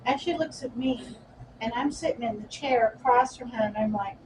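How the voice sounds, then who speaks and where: A woman recounts a scary encounter in a lively, self-mocking way. She sounds distant from the microphone, with heavy background noise. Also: on the high side, moderate pace. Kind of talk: casual storytelling.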